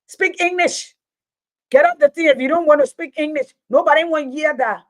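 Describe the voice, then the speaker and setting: Brisk and high-pitched, this Liberian-accented woman, a teacher and former radio host, delivers a passionate, emphatic public talk, repeating words again and again for stress.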